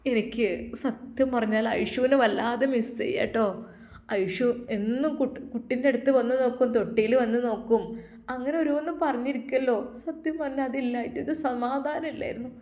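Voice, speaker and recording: Female narrator as a tearful young mother, rushed delivery, echoey room. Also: on the high side, darkish tone, natural voice.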